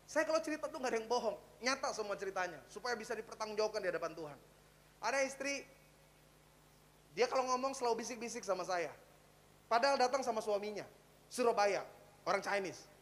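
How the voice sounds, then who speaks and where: Dramatic male preacher swinging loud and hushed. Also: high voice, lively intonation, quick pace, pauses often, in a large hall. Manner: conversational, with slang and English words. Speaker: pastor. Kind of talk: sermon. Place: church service, livestreamed.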